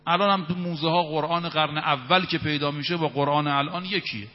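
A man's voice: fairly high pitch, fairly even intonation. A man in his fifties preaching an evening sermon, speaking emphatically and reciting verses in Arabic. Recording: reverberant, dull hall sound.

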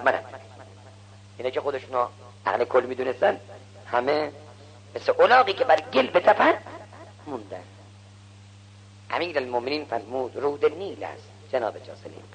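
Male preacher, gravelly and animated, telling stories and voicing the characters, on a scratchy old radio recording. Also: dull audio. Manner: acts out characters' lines in a lowered voice. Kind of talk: sermon storytelling.

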